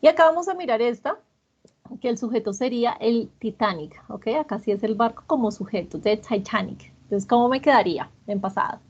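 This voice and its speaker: A woman's voice: on the high side, brisk, a little mellow, slightly rough, muffled recording. A woman teaching English grammar to a class, patiently repeating students' answers and praising them.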